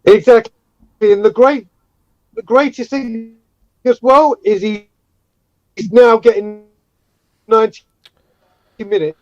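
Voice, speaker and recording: A man's voice: high-pitched, fairly even intonation, slow, pauses often, a little mellow, dry recording. A man talking as a guest over an online call that keeps cutting out, his words emphatic and drawn out. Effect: breaking-up internet call audio. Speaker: guest fan on call-in show. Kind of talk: casual football chat. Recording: dull lo-fi dry call line.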